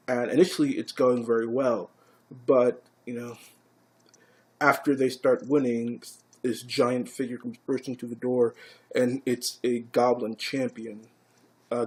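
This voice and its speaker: A man casually recapping and reviewing an anime episode, swearing freely and growing excited. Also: medium pitch, slightly rough. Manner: casual, profane, grows excited.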